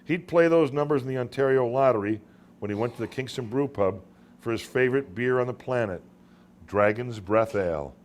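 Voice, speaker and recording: A man with a mid-range voice narrates his own literary short stories in a dramatic audiobook style. His phrasing is deliberate, punctuated by emphatic pauses.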